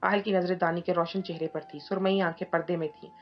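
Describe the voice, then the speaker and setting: A woman narrating a romantic novel in a steady storytelling manner. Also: lowish voice, fairly quick. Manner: steady storytelling, reading all parts in her own voice. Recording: dull lo-fi audio with soft music behind.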